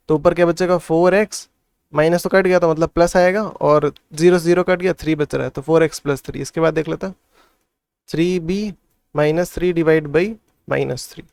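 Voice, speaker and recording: A man's voice: fairly high pitch, creaky, a little mellow, clean tone, dry recording. A man working through maths problems step by step as a tutor, thinking aloud and often checking in with the listener. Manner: thinks aloud, frequent "theek hai" checks. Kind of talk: solving textbook problems step by step.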